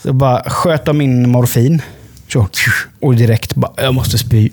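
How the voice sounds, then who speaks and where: A young man hosting a podcast, telling a long anecdote in a casual, animated way with plenty of swearing. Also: medium pitch. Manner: animated, profane, fast-running anecdote. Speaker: podcast host. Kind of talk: casual comedic storytelling.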